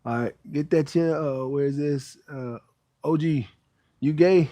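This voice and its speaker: Higher-voiced man livestreaming his pull-up workout. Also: unhurried, warm tone, no room sound. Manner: talking between sets of a pull-up workout. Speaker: fitness trainer hosting a live workout stream. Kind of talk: casual livestream chat with viewers. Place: outdoors under a roof.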